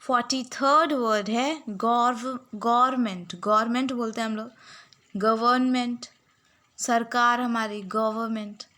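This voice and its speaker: A woman's voice: fairly high pitch, steady tone, moderate pace, few pauses, sharp tone. A young woman teacher giving a spelling lesson, dictating words and spelling them out letter by letter. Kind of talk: spelling lesson for exam students.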